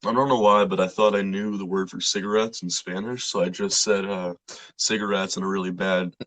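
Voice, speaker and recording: A young man co-hosting a casual podcast chat, excitable and animated, with a husky voice. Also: fairly low pitch, a little fast, low-quality recording. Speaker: podcast co-host.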